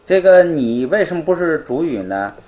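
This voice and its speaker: A man's voice: a little high, big pitch swings, moderate pace, a little mellow, muffled recording. A male teacher explaining grammar in a live class, asking questions and answering them himself.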